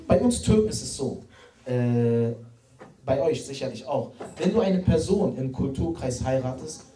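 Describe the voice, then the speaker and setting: A man's voice: on the high side, warm tone. A man in his late twenties doing stand-up comedy on stage, chatty and talking straight to the crowd. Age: late 20s. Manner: chatty, many fillers and restarts, addresses the crowd. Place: stage in a hall. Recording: echoey hall, mic far off, crowd laughing.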